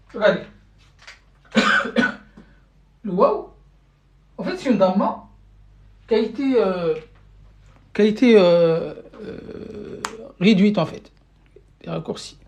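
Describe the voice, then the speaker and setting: Through a phone or webcam microphone, a woman with a mellow, medium-pitched voice streams an Arabic lesson taught in French. She keeps patiently repeating questions for her viewers, with plenty of fillers and restarts.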